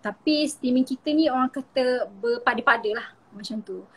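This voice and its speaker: A woman's voice: a little high, moderate pace, a bit bright. Chatty Malaysian woman on a call. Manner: chatty, mixes English words, many fillers. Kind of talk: live-streamed interview, casual explanation.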